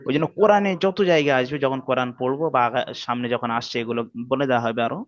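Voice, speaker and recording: A man's voice: mid-range voice, lively intonation, fast talker, no room sound, highs cut off. Patient male Quran reading teacher. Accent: Bangladeshi Bengali. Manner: patient, keeps checking if students follow. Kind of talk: slow spelled-out recitation lesson.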